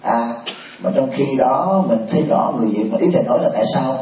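A man's voice: medium pitch, lively intonation, quick pace, a little mellow. A man, a Buddhist monk, leading a group discussion in a casual, joking way. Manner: informal, chatty, joking asides. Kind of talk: moderating a temple discussion. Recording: roomy hall, from a distance.

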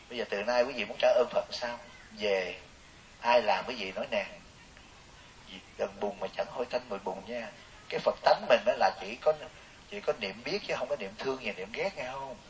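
A man, a Buddhist monk giving a joking, storytelling dharma talk to lay listeners. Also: mid-range voice. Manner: animated, joking, storytelling with quoted voices. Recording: hissy distant recording.

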